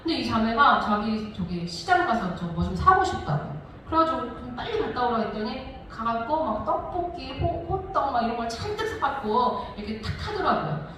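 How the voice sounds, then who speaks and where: A woman in her forties, a missionary telling her testimony as a sermon, lively and laughing often as she tells the story. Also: on the high side, normal speed, few pauses, recorded from a distance, a little hiss or hum. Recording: echoey hall, voice from afar.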